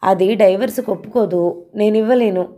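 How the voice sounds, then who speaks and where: A woman's voice: mid-range voice, normal speed, mellow, natural voice. Woman doing a self-pitying flirtatious married man.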